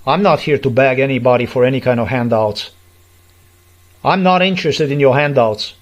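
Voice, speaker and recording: A man's voice: medium pitch, normal speed. A middle-aged man from Slovenia, delivering an aggrieved, repetitive personal monologue in English as a vlogger.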